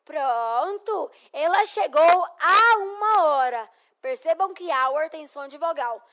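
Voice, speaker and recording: In this recorded English lesson, the teacher is a young Brazilian woman whose Brazilian Portuguese accent colors her high-pitched, expressive, somewhat bright voice. She encourages her students, saying phrases slowly for them to repeat.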